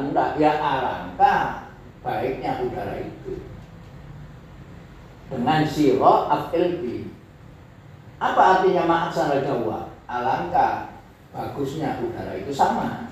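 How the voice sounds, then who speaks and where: A man teaching Arabic grammar in a classroom lecture, slowly repeating Arabic phrases to show how the intonation rises and falls. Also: medium pitch, a little mellow. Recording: echoey room, voice from far off, faint noise.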